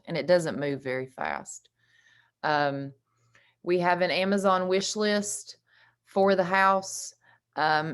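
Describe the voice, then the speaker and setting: Woman, low register, Southern US accent and drawl, earnest program director presenting informally. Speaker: recovery housing program director. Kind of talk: informal presentation on an online meeting.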